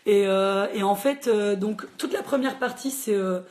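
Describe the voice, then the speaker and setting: A woman hosts a casual livestream book chat for a library. She talks fast and chattily, with lots of fillers. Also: medium pitch, a little mellow. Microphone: phone livestream.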